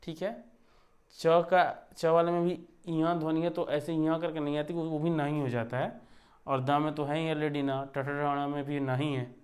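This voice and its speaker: A man's voice: fairly high pitch, level tone, normal speed, a little mellow. A man teaching a lesson, explaining step by step and checking in with his students as he writes. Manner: explains step by step, often asks ठीक है. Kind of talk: classroom lesson.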